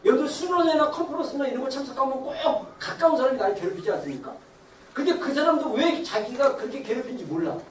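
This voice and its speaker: A pastor giving a Sunday sermon in a church sanctuary, telling stories with animated acted-out voices and frequent laughter. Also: sits high, fast talker, a little hiss or hum. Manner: animated, acts out quoted voices; laughs while preaching. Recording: roomy echo, distant mic, faint ambience.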